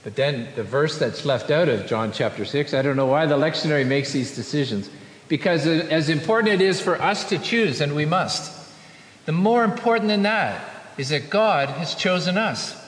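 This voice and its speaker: A man preaching a sermon as pastor, with earnest emphasis, rising on key phrases and slowing down for scripture quotations. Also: on the high side, expressive. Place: church. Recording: echoey church hall.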